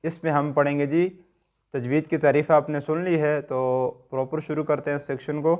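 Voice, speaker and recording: A man's voice: on the high side, level tone, normal speed, darkish tone. A man with a Pakistani Urdu accent teaching a tajweed lesson, patiently asking questions and answering them himself. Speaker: Quran recitation teacher.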